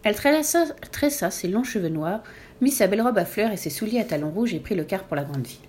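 A woman narrating a children's tale with lively, expressive reading. Her voice is mellow and darker in tone, at a middle pitch. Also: fast, a little hiss or hum. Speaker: storyteller. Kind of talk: reading a children's story aloud.

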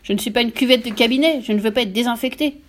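A woman reading an audiobook aloud and voicing a loud, vain, dim-witted father who bellows and blusters. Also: on the high side, quick pace, natural voice. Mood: panicked.

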